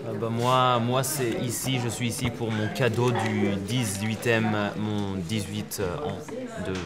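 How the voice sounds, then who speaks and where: A young man from Israel, tired, introducing himself in halting French while searching for words. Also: lowish voice, flat delivery, over loud music. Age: young adult. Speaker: student visitor. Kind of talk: casual self-introduction to camera.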